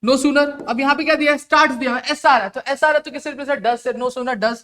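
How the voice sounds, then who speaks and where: A male teacher running a recorded grammar lesson. He keeps asking quick questions, then dictates the answers slowly, dropping to a low murmur as he writes them out. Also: fairly even intonation, sharp tone.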